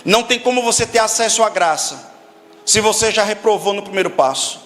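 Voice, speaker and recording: High, bright-voiced pastor preaching. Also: male voice, brisk, long reverb tail. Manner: emphatic, fires rhetorical questions at the congregation. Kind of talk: sermon.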